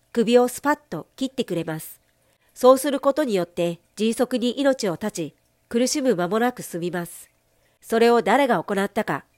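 A woman's voice: a little high, a little mellow, no echo. Woman reading a sermon, dry close sound. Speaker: reader of a translated sermon.

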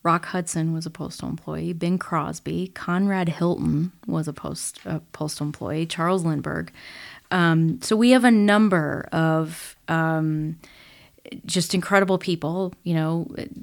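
A woman's voice: fairly low pitch, creaky. A middle-aged woman guest in a podcast interview, answering eagerly and sharing historical facts with many fillers. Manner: enthusiastic, fact-filled, uses fillers. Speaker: guest, postal service governor.

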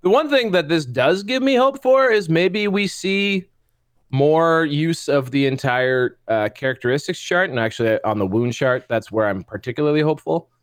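A man co-hosting a casual tabletop wargaming podcast, talking in an animated, rambling way and often breaking off his own sentences. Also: fairly high pitch, normal speed, clear, resonant tone, no echo, studio quality. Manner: animated, rambling, self-interrupting. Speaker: co-host.

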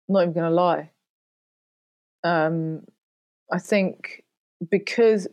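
A woman's voice: lowish voice, dark tone, no echo. A woman guest in her forties talking candidly and reflectively, peppered with "you know", about her work and loneliness. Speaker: guest, singer and podcaster. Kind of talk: candid interview talk.

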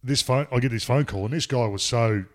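A man's voice: medium pitch, brisk. A middle-aged man with an Australian accent telling a rambling, crude story in casual chat. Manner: rambling, crude, laughs at himself.

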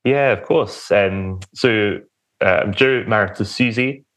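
Young male podcast guest, slightly low voice, hesitant conversational testimony. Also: a little slow, a bit bright. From England, Romford in Essex on the edge of London. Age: young adult. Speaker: podcast guest, church minister.

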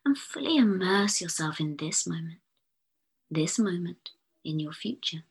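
A woman, a fertility therapist, speaking a whispered guided visualisation in a slow, soothing, hushed delivery. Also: low-pitched, gravelly, husky.

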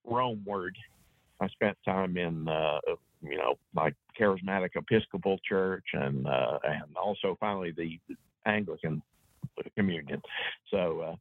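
A man from East Tennessee with an Appalachian accent, talking casually as an interview guest in a folksy, unhurried storytelling way. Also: low voice, no echo, narrow, tinny audio. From East Tennessee, USA. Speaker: guest author.

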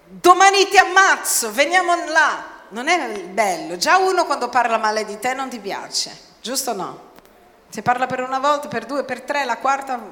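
A woman preaching a sermon emphatically, moving from quiet explanation to shouted declarations. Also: high-pitched. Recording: long hall reverb.

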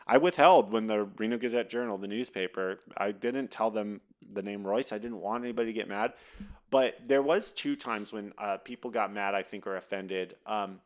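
A man's voice: lowish voice, moderate pace. A man in his thirties, a podcast guest, telling stories in a casual interview and acting out what other people said. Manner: animated, acts out quoted voices while telling stories.

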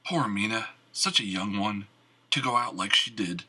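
Man voicing a gruff rustic squire. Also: fairly low pitch, moderate pace, sharp tone, heavily acted, rough recording. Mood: earnest. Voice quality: rough, blunt country speech. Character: gruff loyal older male squire, rustic. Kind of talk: audiobook character reading.

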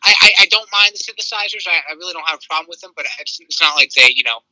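A man's voice: on the high side, lively intonation, racing, bright, forceful tone, dry recording, low-quality recording. A man heard over a phone speaker, giving his take on a song as a guest on a call. He talks casually and hesitantly, with many fillers and repeats. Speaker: guest music reviewer on a call. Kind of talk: casual chat.

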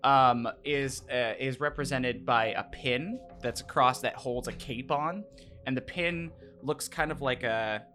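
A man with a bright, forward voice improvises narration for a tabletop game. He describes things informally and haltingly, as a game master would, over faint background music. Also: medium pitch. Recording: music playing behind the voice.

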